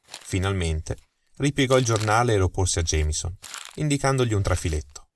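A man narrating a mystery audiobook in a measured storytelling manner. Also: on the low side, animated, a little hiss or hum. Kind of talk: scripted narration.

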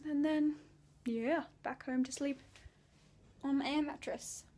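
A young adult Australian woman keeps a video diary, chatting casually and playfully into a phone held at arm's length. Her high voice is warm and steady, and she takes her time.

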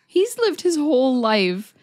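A woman's voice: high-pitched, very animated, measured pace, a little mellow, no echo. Gushing woman reacting to an anime. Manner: gushing, exclaims often, swears casually. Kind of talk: casual reaction commentary.

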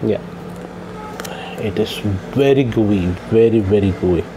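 A young man with a fairly low-pitched voice gives casual, step-by-step how-to instructions for a vlog from the floor of his home. He explains haltingly, often stopping mid-sentence while working, against steady ambient room noise.

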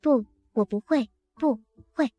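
A woman's voice: high voice, unhurried, warm tone, soft background music. A woman voicing an upright, stern old father lying in a hospital bed, speaking firmly.

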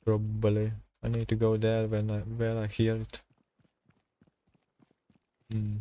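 A man streaming a survival game, talking to himself and his chat in halting, while he plays. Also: lowish voice, monotone, dark tone, muffled recording. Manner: halting non-native English, thinking aloud while playing. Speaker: gaming streamer. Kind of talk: casual gameplay commentary.

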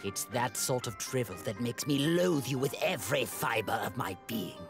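Video game villain: haughty alien tyrant, sneering monologue delivery, lively swooping intonation. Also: male voice, medium pitch, normal speed, creaky. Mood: contemptuous. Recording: game music behind the voice.

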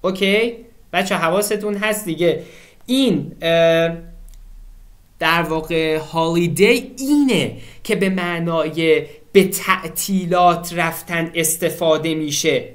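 A man in his twenties tutoring for an English exam in an animated way. He often checks in with students and slows down to spell out English phrases. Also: on the high side. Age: 20s. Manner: animated, keeps checking in with "okay?" and addresses students as kids. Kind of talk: exam-prep lesson walkthrough.

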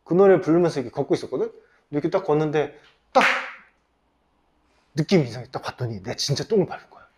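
A male academy teacher casually telling a story to his class in a classroom, with animated, teasing banter toward the students. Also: on the high side, fast talker, long pauses. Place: classroom, indoors.

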